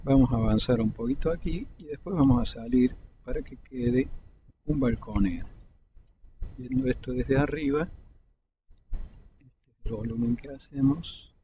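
A man, calmly explaining each step of a 3D modeling tutorial over a screen recording, pausing between clicks. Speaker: 3D modeling instructor. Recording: dull lo-fi desktop mic with faint rumble.

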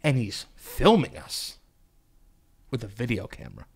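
A man co-hosting a casual podcast, telling stories with lots of swearing and animated delivery. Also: mid-range voice, unhurried, creaky, breathy edge. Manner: profane, animated storyteller. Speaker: podcast co-host. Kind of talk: casual chat.

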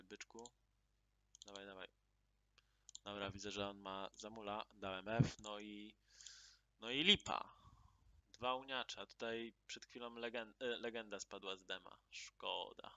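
A man hosting his gaming channel, greeting viewers loudly and then muttering casual commentary as he plays, with sudden excited exclamations. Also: lowish voice. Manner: loud upbeat greetings, then mutters quietly while playing; excited exclamations at in-game drops.

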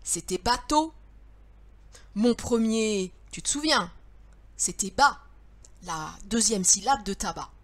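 A French woman teacher talks slowly and patiently, as if to small children. Her pitch moves a lot, rising and falling in a sing-song way, and she draws out syllables with care. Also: animated, fairly bright tone. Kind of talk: slow, clear lesson for young children.

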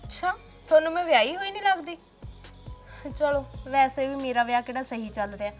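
A woman playing a defiant sharp-tongued wife. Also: high-pitched, a little fast, faint music behind, natural voice. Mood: sweet, flattering. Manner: sharp-tongued, scolding, taunting. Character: defiant young wife, housemaid, fed up with her husband. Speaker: actor in a short film.

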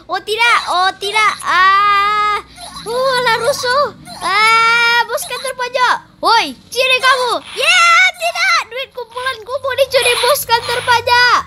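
Someone voicing a frantic young game character, very high squeaky voice, clear game noise behind. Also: fairly even intonation, slow pace. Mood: panicky. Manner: frantic, panicky exclamations. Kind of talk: game role-play.

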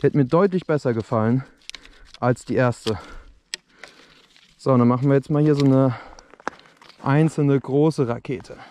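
Unhurried and pausing often, a young fireworks host talks casually to his viewers in a warm, mid-range voice, addressing them directly. He's reviewing fireworks on open dirt ground at dusk, captured on an action camera with slight background noise.

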